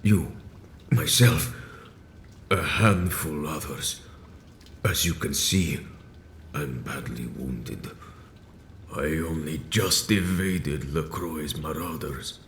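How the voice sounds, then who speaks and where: Very deep, echoey wounded vampire elder. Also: male voice, fairly bright tone, heavily acted. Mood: anguished, bitter. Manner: slow, grave, theatrical, archaic formal phrasing. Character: wounded, aged male vampire sect leader, grandiose, bitter. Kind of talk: dramatic video game voice acting. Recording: echoey room with faint noise.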